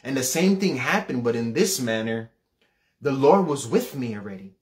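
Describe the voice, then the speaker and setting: An earnest man in his thirties tells a personal religious testimony in a mid-pitched voice. He talks fervently, repeating words and restarting as the story builds. His voice climbs sharply when he relives the moment. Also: animated, normal speed. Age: 30s. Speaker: preacher sharing testimony.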